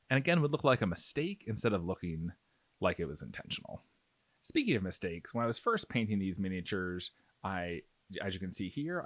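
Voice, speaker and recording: Recorded dry, this lowish-voiced man hosts a miniature painting tutorial. He explains things casually over his painting, talking as if working through his thoughts out loud.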